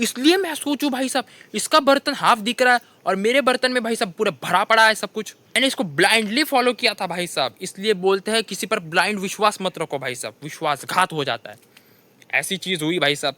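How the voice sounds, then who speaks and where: A man's voice: high voice, dry recording. Young guy w hindi accent doing a comic rant, says bhai sahab nonstop, dry close sound. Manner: repeats "bhai sahab" constantly, animated storytelling. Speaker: comedian telling funny stories. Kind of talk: stand-up storytelling monologue.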